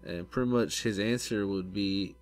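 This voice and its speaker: A man with a lowish voice hosts a casual motorsport chat. He rambles and restarts his sentences often as he talks. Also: normal speed, no echo, faint music behind. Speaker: podcast host.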